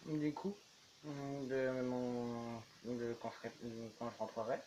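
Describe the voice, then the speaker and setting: A man's voice: medium pitch, fairly even intonation, slow pace, dark tone, a little hiss or hum, rough recording. A man chatting casually while building in a game, rambling on as he goes. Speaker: YouTuber. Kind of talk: casual gameplay commentary.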